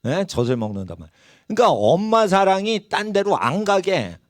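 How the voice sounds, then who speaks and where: Male pastor, middle-aged, lively sermon delivery, dry close sound. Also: high-pitched, fairly quick, no room sound. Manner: animated preaching, dramatizing quoted voices and regional dialects.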